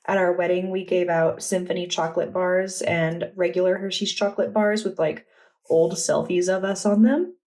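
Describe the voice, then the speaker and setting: A young adult woman vlogger chatting in a relaxed, enthusiastic way as she walks through her journal. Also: on the low side, normal speed. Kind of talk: casual vlog narration.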